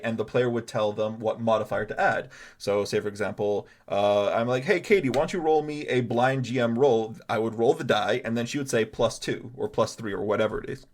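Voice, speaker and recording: A man narrating as game master of a tabletop game, chatty and rambling, with many fillers and restarts. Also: medium pitch.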